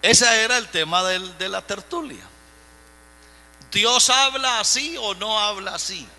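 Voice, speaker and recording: Pastor guy preaching slow in a big echoey church, high sharp voice, bit of hum behind. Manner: emphatic preaching, bursts into shouts. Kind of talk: live church sermon. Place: church sanctuary. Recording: echoey hall with mains hum.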